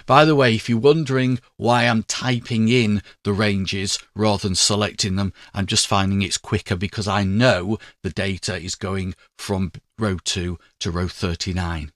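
A man talking through a spreadsheet tutorial in a measured, step-by-step way. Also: lowish voice, steady tone, a bit bright, no echo, clean studio sound. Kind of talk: screen-recorded tutorial narration.

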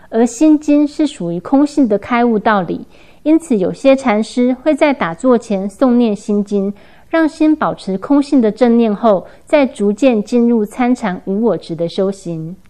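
A woman news reporter giving scripted news narration in a steady, even delivery. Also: on the high side, measured pace.

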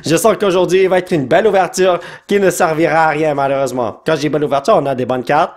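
A man with a Quebec French accent hosting a casual card-opening video, excitable, breaking into shouts and laughs and dropping English words. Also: a little high, fast. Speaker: card-opening channel host. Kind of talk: casual pack-opening commentary.

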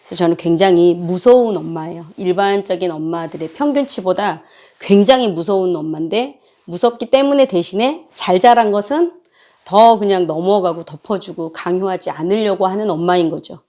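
A woman's voice: on the low side, moderate pace, mellow. Earnest middle-aged mother telling a story. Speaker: mother, parenting talk host. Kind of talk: casual talk.

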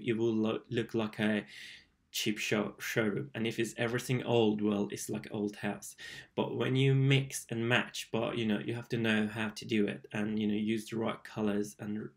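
A young man, an interior designer, giving rambling, enthusiastic reaction commentary on a home tour from a small room. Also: on the low side. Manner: rambling, enthusiastic, many fillers and restarts.

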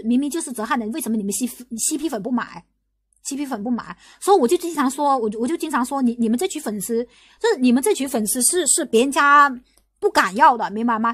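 A young woman from Guangdong hosting a casual livestream, talking in rapid bursts full of restarts and repeated rhetorical questions. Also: on the high side, no echo, clean studio sound. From Guangdong, China. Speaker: livestream host.

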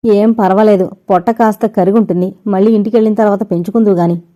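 A woman's voice: medium pitch, fairly even intonation, quick pace, warm tone, lo-fi sound, lightly acted. A woman voicing a playful young man who jokes with his friends during an expedition. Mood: teasing.

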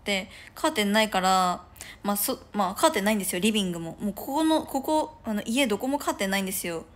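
Speaking quickly and expressively in a mid-range voice, this Japanese idol livestreamer rambles through a casual chat from her curtainless room at home. She giggles often and leans on plenty of fillers.

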